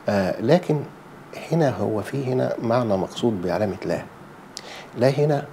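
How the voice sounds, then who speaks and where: A middle-aged Egyptian man explains recitation rules in a patient, step-by-step lesson, often asking rhetorical questions. His voice sits low and has a gravelly, mellow grain. A faint hiss runs under it. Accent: Egyptian Arabic. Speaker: Quran recitation teacher.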